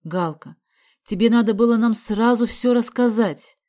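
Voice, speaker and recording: A woman's voice: fairly high pitch, moderate pace, warm tone, pitched above the performer's own voice, lightly acted. A woman voicing a serious, concerned father who questions his daughter. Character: serious concerned father, middle-aged man.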